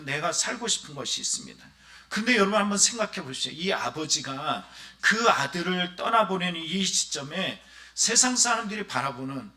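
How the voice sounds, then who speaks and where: Male pastor, sermon, animated and bright, talks straight to the pews. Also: a little high. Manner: animated preaching, often addressing the congregation directly; acts out quoted voices of villagers and the son. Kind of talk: Sunday sermon.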